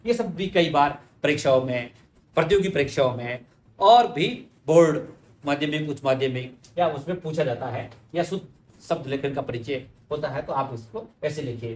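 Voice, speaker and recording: A man's voice: fairly high pitch, animated, normal speed, roomy sound, a little hiss or hum. A man teaching correct Hindi spelling, explaining each word patiently and speaking directly to his students.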